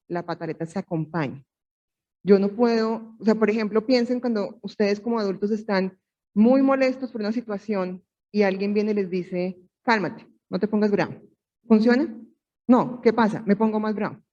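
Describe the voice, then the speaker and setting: A woman's voice: medium pitch, warm tone, far from the mic, lo-fi sound. A woman in her forties, a parenting panelist, explaining earnestly and asking rhetorical questions.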